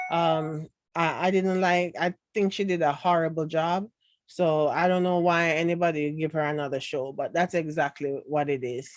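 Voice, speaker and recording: A woman's voice: on the low side, no room sound. A woman with a Jamaican accent giving casual live-stream commentary, chatty and opinionated, laughing often as she answers viewers' comments. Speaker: commentary vlogger reading live chat.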